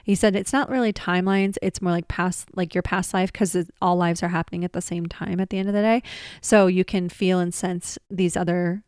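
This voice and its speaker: Woman, casual spiritual chat, low smooth voice, dry close sound. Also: steady tone, fairly quick, a little mellow, no room sound. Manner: chatty, laughs often, relays quotes from a spirit guide. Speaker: psychic medium relaying a spirit guide.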